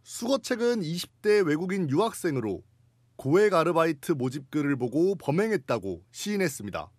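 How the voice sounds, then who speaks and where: A man's voice: fairly high pitch, big pitch swings, moderate pace, no room sound, studio quality. A man reading scripted news narration as a reporter.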